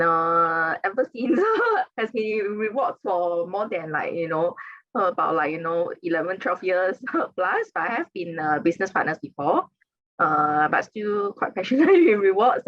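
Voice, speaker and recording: Woman panelist, lowish voice, hesitant and filler-heavy, dry muffled call sound. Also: no room sound. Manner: hesitant, many fillers, laughs often. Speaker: panel guest, rewards specialist. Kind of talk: casual panel chat.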